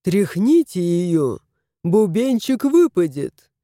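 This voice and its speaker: A woman's voice: on the low side, big pitch swings, slow pace, dark tone, no echo, clean studio sound. A woman voicing a lazy, smug male house cat who drawls mocking remarks, in a fairy-tale audiobook. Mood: sly.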